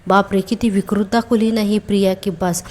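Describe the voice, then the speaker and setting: A woman's voice: mid-range voice, fairly even intonation, moderate pace, a little mellow. A woman recapping a TV serial episode in a chatty way, retelling scenes with quoted dialogue and exclamations.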